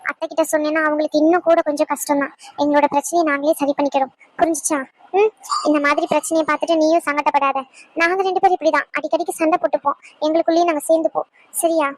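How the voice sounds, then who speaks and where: A woman voicing a gentle young sister-in-law in a cartoon, softly reassuring a younger girl. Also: high voice, level tone, rapid-fire, close to an everyday voice. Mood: soothing. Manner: soft, soothing, reassuring. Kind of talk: cartoon voice acting.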